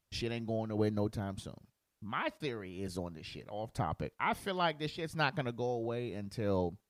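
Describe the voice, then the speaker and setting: Profane, animated male podcast host. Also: medium pitch, no room sound. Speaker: father of a preschooler. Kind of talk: casual chat.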